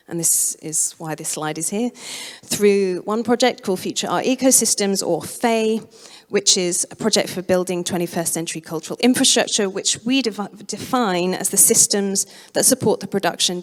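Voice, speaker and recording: A woman giving a conference keynote, her voice going hoarse, speaking in a measured way and correcting herself as she goes. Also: lowish voice. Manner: measured, self-correcting presentation. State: losing her voice. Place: museum auditorium. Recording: long reverb of a lecture hall.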